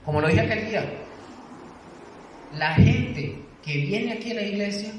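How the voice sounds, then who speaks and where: A man's voice: high voice, a little slow. A man teaching a church doctrine class, earnest and exhorting, often putting questions to his listeners. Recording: echoey room, distant mic, faint noise.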